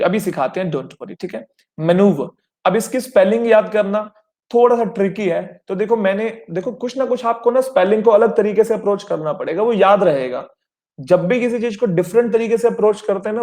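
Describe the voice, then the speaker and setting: Young male tutor, high-pitched, repetitive coaching delivery for an online class. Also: warm tone. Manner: explains in Hindi with English terms, addresses students as children; repetitive, checks in often with rhetorical questions. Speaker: teacher. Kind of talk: online exam-prep vocabulary lesson.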